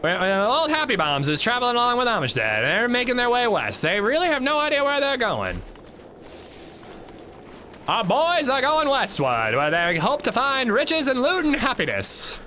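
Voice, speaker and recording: A man's voice: extremely high pitch, huge pitch swings, moderate pace, pushed and bright, slight background noise, pitched above the performer's own voice, heavily acted. A male streamer putting on a transatlantic old-time radio announcer voice, theatrical and grand. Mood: grandiose.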